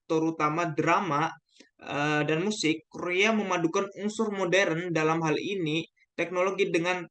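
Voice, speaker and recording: A man's voice: fairly high pitch, a bit bright. A young man giving a class presentation, hesitating often with fillers and restarts. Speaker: student presenter.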